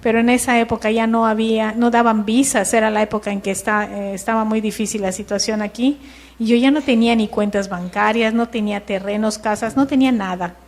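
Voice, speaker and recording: Woman telling a lively testimony. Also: a little high, brisk. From Mexico. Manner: lively storytelling, acting out dialogue. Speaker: church member giving testimony. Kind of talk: personal testimony.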